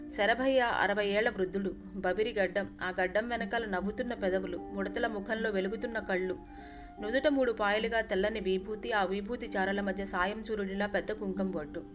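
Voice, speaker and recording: A woman storyteller in a polite, chatty narration that speaks directly to her listeners. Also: mid-range voice.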